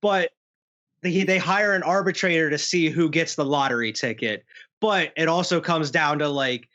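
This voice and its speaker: Casual male podcast host, bright tense voice, slightly high, retells scenes with laughter, dull lo-fi sound. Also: moderate pace. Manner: laughing storyteller, acts out quotes. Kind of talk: casual chat.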